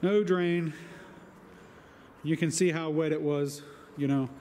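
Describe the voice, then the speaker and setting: A man's voice: fairly high pitch, fairly even intonation, takes it slowly, a little mellow, a little hiss or hum. Plain-spoken man filming outdoors. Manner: plain-spoken, matter-of-fact, with fillers. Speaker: homesteader vlogger. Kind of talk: casual walkthrough narration. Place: outdoors at a building site.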